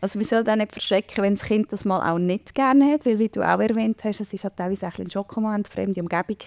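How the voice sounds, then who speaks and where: A woman's voice: mid-range voice, quick pace, creaky, a little mellow, dry recording. A woman hosts a podcast chat, affirming the guest and summarizing her points.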